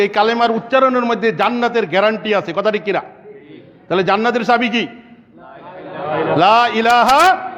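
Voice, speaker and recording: A man's voice: sits high, fairly bright tone. A man preaching a sermon to a congregation, asking the audience rhetorical questions and building up emphatic lists. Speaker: Islamic preacher. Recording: lo-fi with long hall reverb.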